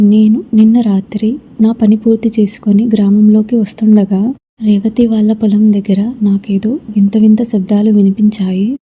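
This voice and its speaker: A woman narrating a horror story in a soft voice that often slips into a whisper. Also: mid-range voice, husky, muffled recording.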